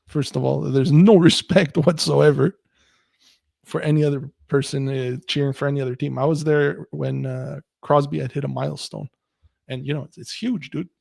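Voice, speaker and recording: A man's voice: on the high side, steady tone, normal speed, gravelly, darkish tone, dry recording, clean studio sound. A man co-hosting a podcast in casual chat, blunt and profane. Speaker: podcast co-host.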